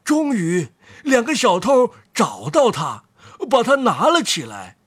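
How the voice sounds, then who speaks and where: A storyteller reading a fairy tale aloud, slow and expressive with drawn-out phrases. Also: mid-range voice, breathy edge, no echo.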